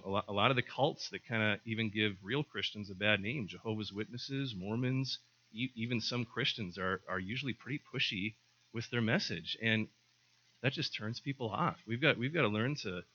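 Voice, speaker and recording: A man's voice: fairly low pitch, sharp tone. A middle-aged male pastor giving a conversational sermon, often repeating words and acting out short exchanges. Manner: conversational, repeats words, acts out little dialogues. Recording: slightly dull lo-fi sound.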